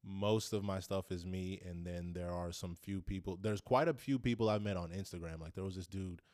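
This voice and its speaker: A young man, a rapper and producer, answering interview questions in a relaxed, rambling way with restarts. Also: low voice, normal speed, no room sound, studio quality.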